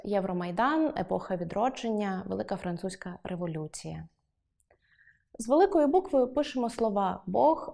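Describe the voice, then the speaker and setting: A woman teaching an online lesson, explaining clearly and listing examples as she goes. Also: mid-range voice, darkish tone. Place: film studio.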